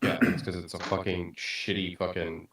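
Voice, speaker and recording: A man's voice: sits low, level tone, normal speed, fairly bright tone. A man running a game server, chatting casually with his players in a blunt, profane way. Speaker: game master and server owner. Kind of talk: casual chat among players. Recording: roomy, distant mic with noise.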